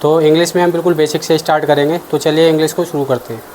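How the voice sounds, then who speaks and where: A man's voice: a little high, little pitch movement, racing, darkish tone, slight background noise. Man teaching grammar, asking his own questions. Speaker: English teacher. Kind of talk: exam-prep grammar lesson.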